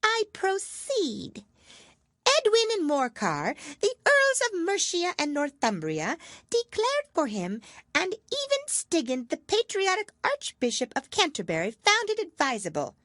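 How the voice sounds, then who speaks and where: Storybook mouse: squeaky-high, self-important, prickly schoolmaster manner, dry close recording. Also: female voice, wildly swooping pitch, unhurried, a bit bright, no room sound, exaggerated voice. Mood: frostily polite, pompous. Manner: pompous, authoritative, polite but cross. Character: self-important, easily offended mouse lecturing drily on history. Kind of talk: storybook character voice.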